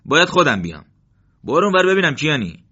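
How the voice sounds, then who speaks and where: A man's voice: fairly high pitch, sing-song, pushed and bright, breathy edge, pitched above the performer's own voice, full character voice. A man voicing a prank-loving male soldier who teases and orders his comrades about, on a dull lo-fi recording. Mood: teasing. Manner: teasing, bossy.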